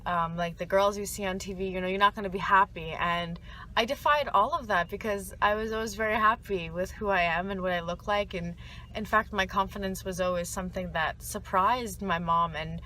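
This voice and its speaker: A young woman frankly telling her own story in a halting way, full of fillers and restarts. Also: mid-range voice, rough recording. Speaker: interviewee. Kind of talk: personal testimony. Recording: outdoors with loud traffic noise.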